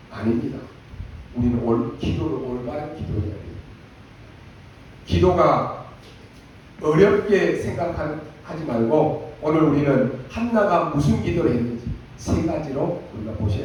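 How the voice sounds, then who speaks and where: Preaching man, high voice, echoey hall. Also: animated, moderate pace, a little mellow, slight background noise. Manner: emphatic preaching, acting out prayers in a raised voice. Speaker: pastor. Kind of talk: sermon. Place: church sanctuary. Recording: echoey church hall from far off.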